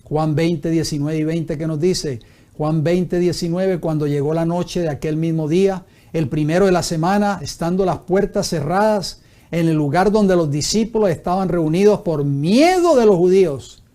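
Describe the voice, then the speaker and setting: A man's voice: a little high, moderate pace, dark tone. A man pastor teaching a Bible study sermon, reading scripture aloud and asking his listeners rhetorical questions.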